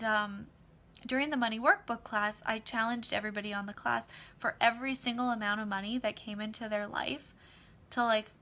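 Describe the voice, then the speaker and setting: A woman talking casually on a live video, excitedly promoting her book club and class, with many fillers. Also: mid-range voice. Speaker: online class facilitator.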